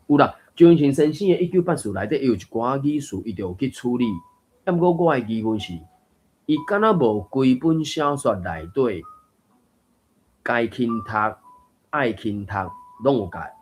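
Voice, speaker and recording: In a relaxed Taiwanese-language discussion of Taiwanese texts, a man hosting a reading group thinks aloud, laughing and using fillers. He has a medium-pitched, darkish voice, with slight background noise.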